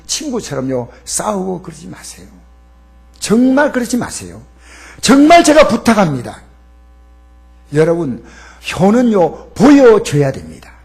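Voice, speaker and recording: A male pastor preaching a Sunday sermon in a church, animated and acting out the voices of family members. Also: medium pitch. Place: church sanctuary. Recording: mains hum under the voice.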